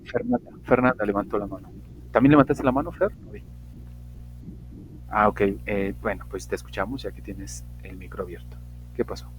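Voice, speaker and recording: A man's voice: lowish voice, music in the background, rough recording. Man teaching an online English class. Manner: slow, emphatic modeling of English example sentences.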